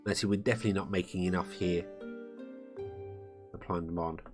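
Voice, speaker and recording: Brief: male game streamer thinking aloud as he plays, music clearly audible behind. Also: low voice, steady tone, fairly quick. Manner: rambling, thinking aloud with fillers. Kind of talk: live gameplay commentary. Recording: music playing under the voice. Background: guitar music.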